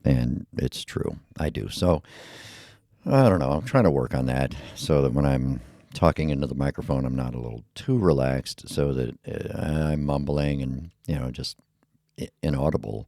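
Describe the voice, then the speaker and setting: A male podcast host with a rumbly, gravelly bass voice and a dark tone speaks at a moderate pace in a casual solo monologue, rambling and mumbling with lots of fillers. The sound is clean studio audio with no room sound, captured on a heavy dynamic mic on a boom arm, with an equalizer filter applied.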